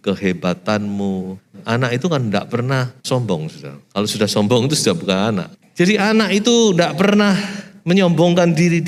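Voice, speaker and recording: Man preaching a sermon in a reverberant church. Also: medium pitch. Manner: emphatic preaching that mixes in English words, with questions to the congregation. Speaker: pastor. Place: church hall.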